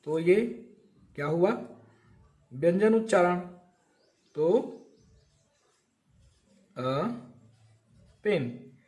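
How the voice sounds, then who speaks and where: A man's voice: sits high, expressive, drawn-out words, pauses often, warm tone. A man teaching an English grammar lesson, explaining step by step and asking and answering his own questions.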